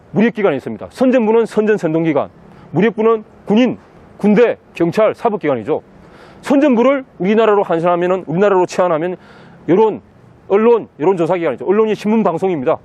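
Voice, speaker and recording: A man with a notably high voice speaks in an outdoor city interview. He is insistent and drives each point home by repeating key words over and over. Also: animated, fast, darkish tone. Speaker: interviewee, political commentator. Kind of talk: impassioned outdoor interview monologue.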